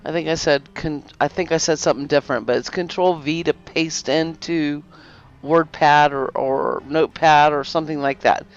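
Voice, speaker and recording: Woman, smooth voice, casual game tutorial, rambling with fillers, slightly dull lo-fi sound, faint music behind. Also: deep voice, fairly even intonation, moderate pace. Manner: rambling, self-correcting, lots of fillers. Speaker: game guide video host. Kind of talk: casual gameplay tutorial narration.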